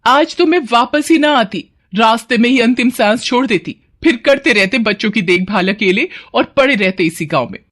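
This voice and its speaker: A woman's voice: medium pitch, moderate pace, voice pushed up, natural voice. A woman voicing a weary, fed-up village wife in a cartoon, complaining and pleading. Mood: bitter. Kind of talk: cartoon voice acting.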